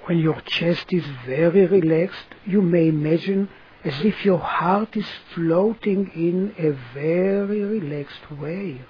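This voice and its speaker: A person guiding a relaxation session in a soothing manner, giving gentle instructions with long pauses. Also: medium pitch, highs cut off. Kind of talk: guided relaxation narration.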